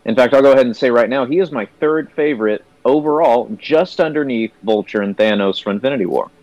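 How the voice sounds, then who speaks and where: A man's voice: mid-range voice, fast, darkish tone, highs cut off. A young man co-hosting a movie review chat, rambling with many fillers and restarts. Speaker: movie review podcast co-host. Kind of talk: casual chat.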